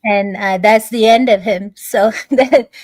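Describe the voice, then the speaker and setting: A woman, a guest in a conversation, telling a long story in a halting way, pausing on many fillers and restarts. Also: mid-range voice, darkish tone, no room sound.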